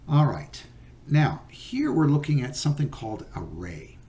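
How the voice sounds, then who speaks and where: A man teaching a recorded geometry lesson, patient and unhurried, with many fillers and okays. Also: medium pitch, sing-song, warm tone.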